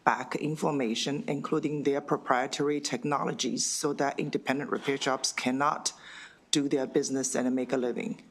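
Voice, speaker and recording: A man speaks in a hoarse voice with a duck-like quack to it. He is a committee member at a formal hearing, putting probing questions and rephrasing them pointedly. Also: mid-range voice, fairly even intonation, moderate pace, a bit bright, a little hiss or hum.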